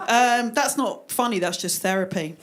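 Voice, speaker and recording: A woman's voice: on the high side, normal speed, crowd noise. A woman in her forties doing a stand-up comedy set on a club stage, with a dry, self-deprecating delivery.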